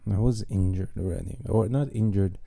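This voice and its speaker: A man's voice: low-pitched, moderate pace, creaky, mellow, no room sound. A man hosting a podcast, telling a personal story in a casual, self-mocking monologue with wry jokes. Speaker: podcast host.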